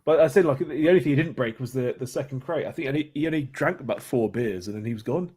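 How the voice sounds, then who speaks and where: A man's voice: medium pitch, fast, a little mellow, slightly rough. A man, chatting casually as a guest and often restarting his sentences. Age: 20s. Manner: hesitant, many restarts and fillers. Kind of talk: casual chat.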